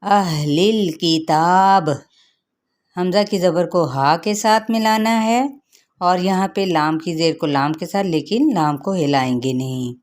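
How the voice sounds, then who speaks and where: A woman's voice: on the low side, moderate pace, a little mellow. A middle-aged woman teaching Quran recitation rules, explaining patiently and asking her students questions as she goes.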